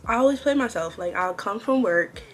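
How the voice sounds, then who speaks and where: A young woman in her twenties, a vlogger, chats easily with her audience in a girl-talk style, like a relaxed vlog among friends. Her voice is medium in pitch and expressive, and she speaks at a normal pace.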